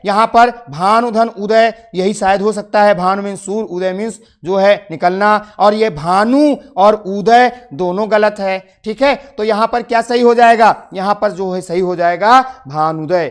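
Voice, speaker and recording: Male teacher, Uttar Pradesh Hindi accent, high voice, drills viewers with repeated quiz questions. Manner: keeps asking the class short quiz questions and answering them himself; addresses viewers as friends. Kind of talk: exam-prep grammar lesson.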